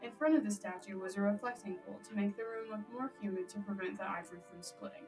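A woman reads facts aloud in a school presentation at a middle pitch. She stands away from the microphone. Music plays clearly behind her. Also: fast talker, darkish tone. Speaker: class presenter. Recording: distant mic with music behind.

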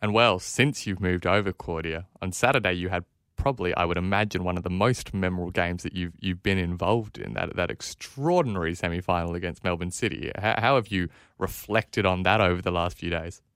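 A man with a deep, smooth voice hosts a sports podcast. He interviews conversationally in long, qualified sentences, recorded dry and close. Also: a little fast, hardly any pauses, fairly bright tone, dry recording. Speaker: podcast co-host.

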